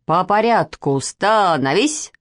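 A boastful middle-aged officer barks his drill commands slowly and lets each order ring out, as a woman reading a storybook voices him. The voice sits low and swings widely in pitch. It is recorded close and dry, with no room sound. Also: lively intonation, no room sound. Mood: commanding.

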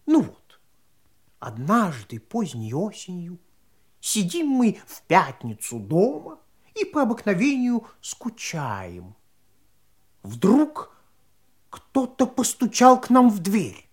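Wise fussy raven, storybook audio drama, expressive, highly animated intonation, slow delivery. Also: female voice. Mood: chatty storytelling. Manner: expressive, chatty, admonishing.

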